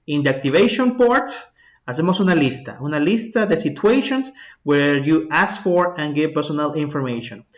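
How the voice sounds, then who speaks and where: A man's voice: a little high, animated, moderate pace, lo-fi sound. Patient bilingual teacher, man. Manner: patient step-by-step explaining, checks in with "ok?". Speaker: English teacher. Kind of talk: bilingual classroom lesson.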